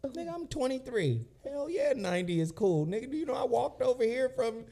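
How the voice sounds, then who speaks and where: A man in his forties hosting a casual chat, telling profane, animated stories and mimicking people. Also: very high-pitched, fairly quick. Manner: animated, profane, acts out quoted voices. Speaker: podcast host.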